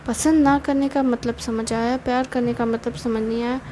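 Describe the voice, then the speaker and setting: Storybook hero, a brooding young man who mutters his doubts aloud and turns curt with friends, voiced by a woman in a high register. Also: fairly even intonation, normal speed, mellow, slight background noise, natural voice, poor audio. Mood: puzzled musing. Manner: muttering to himself, then curt and cold.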